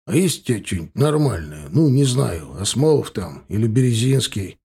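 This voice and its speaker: A man voicing a gruff, sullen bandit. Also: on the low side, big pitch swings, normal speed, mellow, exaggerated voice. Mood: grumpy. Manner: gruff, sighing complaints. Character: grumbling middle-aged male bandit, sullen and anti-Western.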